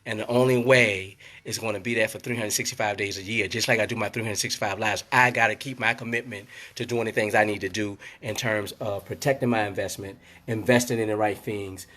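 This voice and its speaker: A man who is under the weather, his voice rumbling, hosts a casual motivational live stream from inside his closed hair salon, talking into a phone. He rambles and repeats himself, with many fillers. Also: steady tone, a little fast, few pauses, bright, forceful tone. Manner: rambling, repetitive pep talk with many fillers.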